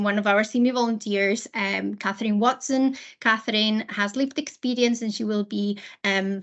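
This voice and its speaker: A middle-aged woman giving an informal workshop presentation over a video call, hesitant and pausing often. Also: medium pitch, highs cut off. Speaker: programme manager presenting at a workshop. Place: indoor room, on a video call. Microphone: video call microphone.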